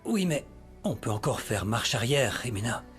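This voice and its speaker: An actor in a dubbed television drama playing an earnest, insistent estranged husband. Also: male voice, mid-range voice, big pitch swings, normal speed, soft background music, natural voice. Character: insistent, earnest estranged husband trying to win wife back.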